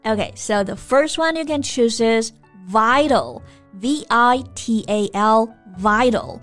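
A woman's voice: fairly high pitch, takes it slowly. Woman co-host spelling out English words. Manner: explanatory, spells out words letter by letter. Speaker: co-host of English lesson podcast. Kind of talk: bilingual scripted teaching chat. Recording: soft music behind.

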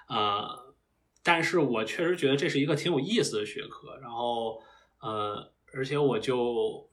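Young male podcast guest, mid-pitched, reflective and meandering, restarts often. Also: a bit bright. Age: young adult. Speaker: guest, recent PhD graduate. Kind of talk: casual podcast interview.

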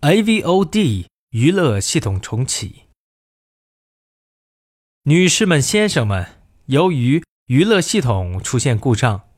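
Slow, lively-pitched male announcer. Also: no echo, clean studio sound. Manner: measured, formal announcement delivery in two languages. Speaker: language course reader. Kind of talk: reading in-flight announcements aloud.

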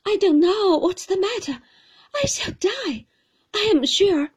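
A woman's voice: very animated, a little slow, mellow. Woman doing a trembling, timid young mother. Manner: trembling and high-strung. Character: timid, fragile young mother, easily frightened.

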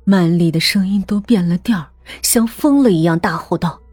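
A woman narrates a suspense novel in a measured, hushed manner. Her voice sits low with a husky edge. The recording is dry and close, with no room sound. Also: no echo, soft background music. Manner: measured, hushed storytelling that drops to a near whisper. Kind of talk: scripted audiobook narration.

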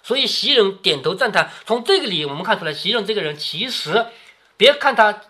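A man's voice: high-pitched, very animated, brisk, sharp tone. A man reading a classic novel aloud to his daughter and retelling each passage in plain everyday words, often stopping to check that she understands. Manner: checks understanding with frequent questions to the listener; paraphrases old text into plain everyday speech.

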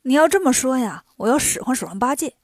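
A woman voicing a clever, mischievous male monkey king who talks briskly and teasingly, for a children's story. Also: high voice, sing-song, no room sound, clean studio sound, exaggerated voice. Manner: brisk, teasing, quick-witted.

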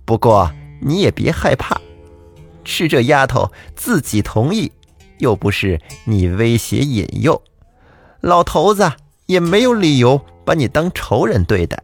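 A bossy, mocking fox spirit wife, as a male storyteller puts her on, loud and scornful with a lively, swooping pitch. Her taunts come in a storybook telling with faint music underneath. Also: measured pace. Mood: commanding.

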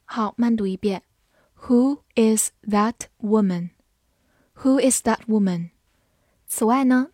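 A woman teaching English vocabulary, spelling each word out and reading example sentences slowly. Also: mid-range voice, dark tone, no echo, clean studio sound. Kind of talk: vocabulary lesson.

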